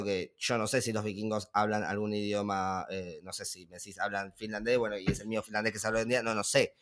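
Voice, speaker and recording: A man's voice: fairly low pitch, a bit bright. Hesitant Argentine man discussing a film. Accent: Argentine Spanish. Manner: thoughtful, hesitant, many fillers and restarts. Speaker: podcast film reviewer.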